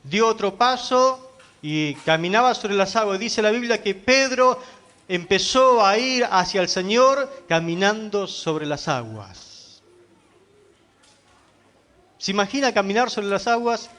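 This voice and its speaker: Slow, high-voiced man preaching. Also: expressive, fairly bright tone. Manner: emphatic preaching with rhetorical questions to the congregation. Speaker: pastor. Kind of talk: sermon.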